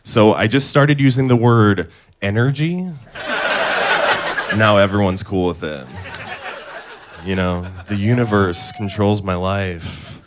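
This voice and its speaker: A young man from Indonesia performing a stand-up comedy set, delivering absurd punchlines in a deadpan way on a club stage. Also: fairly low pitch, slow pace, pauses often. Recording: live club set with clear audience noise.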